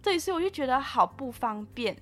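A young woman co-hosting a casual podcast, explaining things at a measured pace with frequent fillers. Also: high voice, expressive, soft background music. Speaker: podcast co-host. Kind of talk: casual chat.

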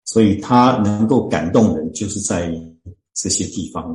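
A man, a church deacon and author, explains scripture in an interview, talking earnestly and slowly finding his words with many drawn-out fillers. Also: lowish voice, darkish tone, roomy sound, rough recording. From Chinese-speaking, living in Canada.

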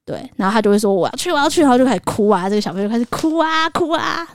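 A woman's voice: on the high side, animated, racing, no echo, studio quality. A woman, co-hosting a casual podcast and animatedly acting out the lines of children and teachers as she explains. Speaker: podcast co-host. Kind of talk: casual chat.

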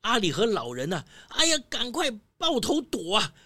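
A woman narrating a children's story in a lively voice, full of exclamations. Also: fairly high pitch, moderate pace.

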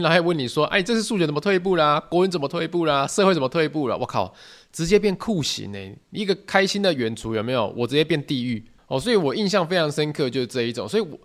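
A man hosting a solo podcast, telling stories in an animated, joking, mock-outraged way. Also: mid-range voice. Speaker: podcast host.

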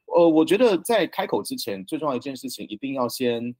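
Male communication coach, raspy, measured delivery, dry close sound. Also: mid-range voice, dry recording. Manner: calm, measured explaining. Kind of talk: explaining in a podcast interview.

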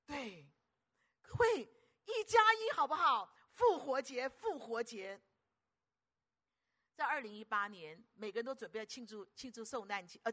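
An older woman preacher, giving an animated, teasing sermon full of rhetorical questions. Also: mid-range voice.

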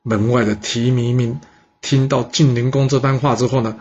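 A man telling a history story in a lively, chatty way. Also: medium pitch, slightly rough. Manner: lively, chatty, drawn-out particles. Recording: dull lo-fi recording.

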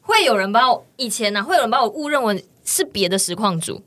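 A woman's voice: a little high, sing-song, quick pace, a bit bright. A woman hosting a casual podcast chat, telling playful stories with lots of laughter. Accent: Taiwanese Mandarin. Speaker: podcast host.

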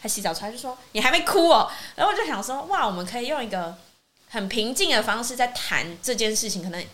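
A woman co-hosting a casual podcast chat, telling a lively story and acting out what her friends said. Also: a little high, fast talker. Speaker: podcast co-host. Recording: faint hiss.

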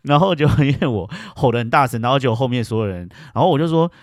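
A man hosting a podcast, telling a story in casual chat, animated and breaking into loud indignant bursts. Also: medium pitch, fast talker, no room sound, studio quality. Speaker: podcast host.

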